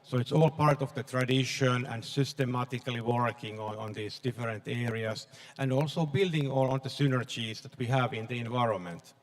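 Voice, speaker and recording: A man's voice: medium pitch, fairly quick. Hesitant male panel guest. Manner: hesitant, many uh fillers. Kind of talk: live panel answer.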